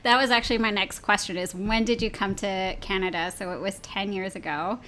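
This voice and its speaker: A woman's voice: medium pitch, steady tone, fairly quick, a bit bright, slight background noise. A woman hosting a podcast, eager and gushing, asking curious questions. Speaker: podcast host. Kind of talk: casual interview chat.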